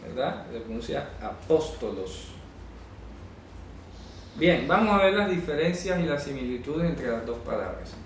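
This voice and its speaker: A man's voice: a little high, expressive, moderate pace, few pauses, slight background noise. A man teaching a Bible class, explaining words step by step and checking that students follow. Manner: explanatory, asks "¿ya?" to check understanding; corrects pronunciation insistently. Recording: echoey room, speaker far from the mic.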